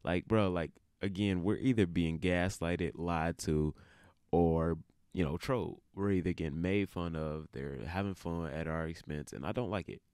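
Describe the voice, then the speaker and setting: A man giving casual, opinionated commentary as a video creator, colloquial and full of halting asides. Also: low voice, darkish tone, smooth, dry recording, studio quality.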